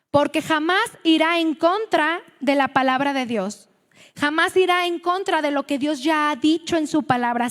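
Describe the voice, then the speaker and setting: A woman with a Mexican accent preaching a sermon to a women's meeting, speaking conversationally and telling stories, often correcting herself mid-phrase. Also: sits high. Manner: conversational, storytelling, self-correcting. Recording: long hall reverb.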